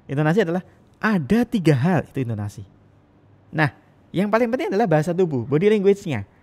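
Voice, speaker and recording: A man's voice: a little high, very fast. A man giving a recorded lecture as a university lecturer. He speaks with energy and lets his intonation rise and fall. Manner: energetic, rising and falling intonation.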